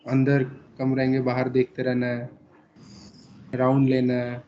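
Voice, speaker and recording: A man's voice: mid-range voice, monotone, a little slow, highs cut off. A male student answering in an online class, listing his points in short fragments.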